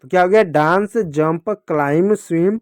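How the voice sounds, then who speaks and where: A man's voice: high voice, measured pace, a little mellow, no echo, studio quality. A man teaching young children to read, spelling words out letter by letter and patiently addressing them. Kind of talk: phonics lesson for young children.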